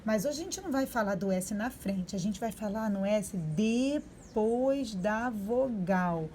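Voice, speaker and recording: A woman teaching young children to read and spell, sounding out syllables slowly and clearly. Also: medium pitch, animated, dark tone, a little hiss or hum. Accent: Brazilian Portuguese. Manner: slow, drawn-out sounding-out of syllables. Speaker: primary school teacher. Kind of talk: remote reading and spelling lesson for young children.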